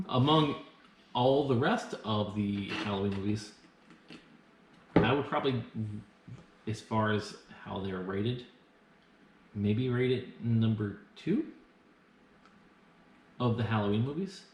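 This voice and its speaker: A man's voice: medium pitch, slow, long pauses, a little hiss or hum. A tipsy man getting drunker as he hosts a casual film review, rambling with sarcasm and crude language. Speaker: host of a movie review show. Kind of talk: casual banter reviewing films. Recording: echoey, roomy sound.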